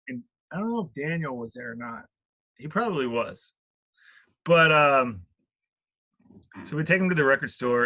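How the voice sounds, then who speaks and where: Slow, bright-voiced man telling a story. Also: mid-range voice. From Richmond, Virginia. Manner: rambling, with many fillers and restarts. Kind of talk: casual storytelling.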